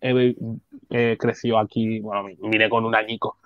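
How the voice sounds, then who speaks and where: A man in his twenties from Spain, with a Barcelona-area Spanish accent, chats casually as a guest rapper on a video call from a bright indoor room. His fairly low voice moves at a moderate pace, relaxed and packed with slang and fillers. The webcam audio is dry and lo-fi.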